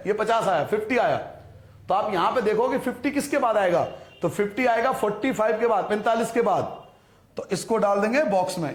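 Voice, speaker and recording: A male maths teacher with a high, light voice talks his class through each step, repeating numbers and checking that they follow. He asks questions and answers them himself. The sound echoes around the room. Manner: patient, repetitive explaining, addresses students as beta; rhetorical questions to students. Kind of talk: recorded classroom lesson.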